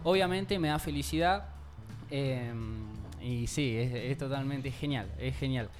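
A young man with an Argentine accent, a car salesman guest talking earnestly and warmly about his work in a casual interview. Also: medium pitch, a little slow, faint music behind. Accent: Argentine Spanish. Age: young adult.

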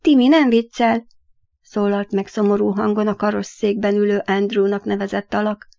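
The sad, gentle ghost of a little boy from a storybook, speaking softly and pleading, as a woman reads his part. The voice has a slight gravelly touch, and the recording sounds dry and dull. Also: medium pitch, monotone, dry recording, natural voice. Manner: soft pleading.

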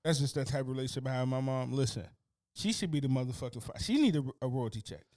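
A man co-hosting a podcast in casual chat, telling stories in a loose, animated, profane way. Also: medium pitch, rapid-fire. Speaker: podcast co-host.

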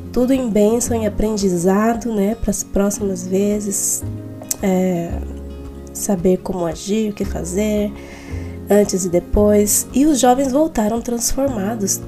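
A Brazilian woman with a Brazilian Portuguese accent hosts a devotional podcast in a chatty, reflective way. Her voice is very dark and mellow, with soft music faint in the background. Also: medium pitch. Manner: reflective, chatty, self-correcting. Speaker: podcast host. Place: home in Switzerland.

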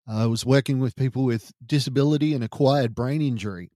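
Podcast host, male, Australian, middle-aged; serious true-crime-style first-person narration, deliberate phrasing, mid pitch, dry recording. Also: warm tone, dry recording.

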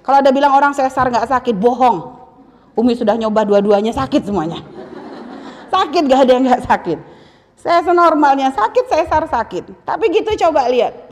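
A middle-aged woman preacher giving a lively, teasing religious talk to women, often acting out the voices she quotes. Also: high-pitched. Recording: long hall reverb.

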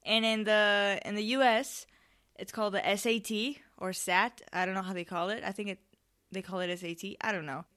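A teenage girl from Spain chats on her own podcast, rambling and interrupting herself with frequent ums. Her voice is smooth and clear, at an ordinary pitch for a young woman. She sounds a little tired and nervous. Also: steady tone, moderate pace, a bit bright. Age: late teens. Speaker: podcast host. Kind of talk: casual solo podcast chat.

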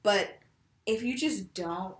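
A woman's voice: medium pitch, slow pace. A young woman in casual chat, blunt and emphatic, who acts out little quoted lines. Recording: echoey room.

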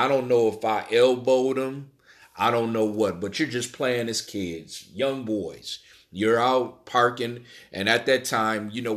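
A middle-aged man from Illinois telling a personal story in a halting way, repeating words and leaning on fillers. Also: on the low side, fairly bright tone. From Illinois, USA. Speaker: interviewee.

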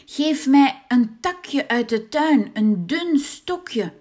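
Woman doing a clever little boy, eager, slightly high, storybook. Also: animated, extremely slow, darkish tone, heavily acted. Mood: scheming. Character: clever young boy Hans.

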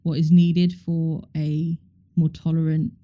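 Low, very dark-voiced woman. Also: flat delivery, takes it slowly, dull audio. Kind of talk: reflective discussion.

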